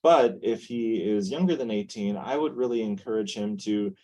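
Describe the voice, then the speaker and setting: A man on a webinar panel giving calm, measured advice to a caregiver. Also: on the low side, rough recording. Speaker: clinician panelist. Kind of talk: answering a question on a panel.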